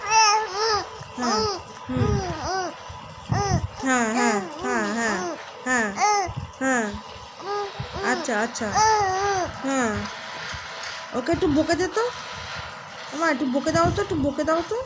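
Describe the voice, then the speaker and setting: A woman's voice: high voice, expressive, unhurried, long pauses. A woman vlogger talking to her baby in coaxing, sing-song baby talk, asking the same questions again and again. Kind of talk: baby talk in a home vlog. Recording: loud background noise.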